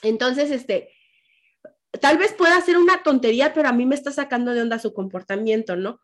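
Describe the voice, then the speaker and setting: A middle-aged woman with a Mexican accent, hosting a podcast and chatting casually in an animated way, with lots of fillers and quoted asides. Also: high-pitched, fairly quick. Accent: Mexican Spanish. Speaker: podcast host. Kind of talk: casual chat.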